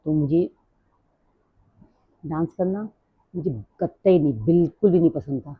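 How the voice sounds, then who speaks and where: A middle-aged woman talking fast and rambling in a casual personal vlog. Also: sits low, husky, no room sound. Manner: rambling, drifts off topic. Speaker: vlogger. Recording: dry, tinny phone-like sound.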